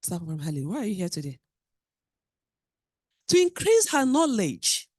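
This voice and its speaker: A Nigerian woman presenting a real estate seminar to a live audience, animated and preacher-like, with call-and-response questions to the room. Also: lowish voice, a little slow, no echo, studio quality. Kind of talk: business seminar talk.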